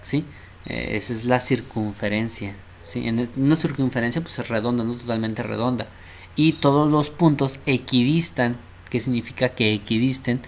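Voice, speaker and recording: A man teaches a math lesson in a relaxed, informal way. He keeps checking in with his listeners and repeats words as he explains. A faint hiss runs under his mid-pitched voice. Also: moderate pace.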